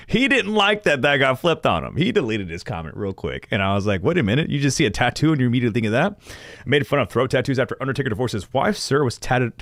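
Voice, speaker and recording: A man's voice: medium pitch, a bit bright, dry recording, clean studio sound. Rambling young male gaming streamer. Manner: rambling, self-deprecating, laughs often. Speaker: gaming streamer reacting to lore videos. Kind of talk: casual rambling chat to viewers.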